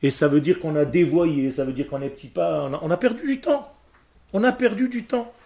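Speaking a little fast in a fairly high, gravelly, slightly mellow voice, this man teaches Hebrew and Torah with real emphasis. Originally from Israel with Hebrew as his first language, he questions the class and explains the material word by word.

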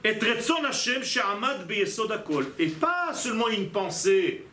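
A man's voice: high-pitched, animated, measured pace, sharp tone, slight background noise. A man teaching a religious lesson as a rabbi, emphatic and posing rhetorical questions to his listeners. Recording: echoey room.

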